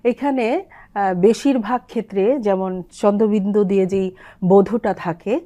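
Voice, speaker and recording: A woman's voice: mid-range voice, measured pace, dark tone. A woman, a language expert explaining pronunciation on a TV program. She drags sounds out in spoken word examples and recites lines of verse.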